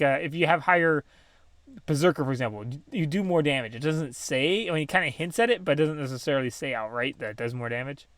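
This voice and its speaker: A man's voice: on the high side, a bit bright, dry recording. A man casually commentating his own game play, thinking aloud with many ums and small laughs. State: has the hiccups. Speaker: gaming channel host.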